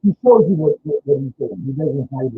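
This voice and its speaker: With faint music behind him, a man with a Chicago accent runs a laid-back livestream, sounding expressive and brisk at a medium pitch. His rambling is broken by stammered restarts, and the lo-fi audio is muffled with a little noise.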